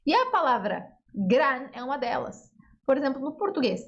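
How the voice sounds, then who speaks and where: A woman teaching Spanish grammar to beginners, explaining patiently, reading examples slowly, checking in with short tags. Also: high-pitched, sing-song, fairly bright tone, muffled recording. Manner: reads example phrases slowly and carefully.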